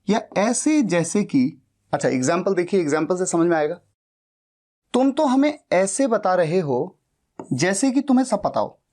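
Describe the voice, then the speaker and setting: Male tutor, unhurried, repeats each phrase for learners and poses questions to the class. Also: sits high, darkish tone. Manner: slow and deliberate, repeats phrases and asks rhetorical questions. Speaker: English teacher. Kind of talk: Hindi-language English grammar lesson.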